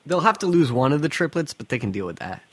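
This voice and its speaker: With a fairly high, husky voice that swings widely in pitch, a man rattles off his strong opinions quickly on a casual sports podcast. He swears freely and talks bluntly from a hot summer attic, though the audio carries no room sound.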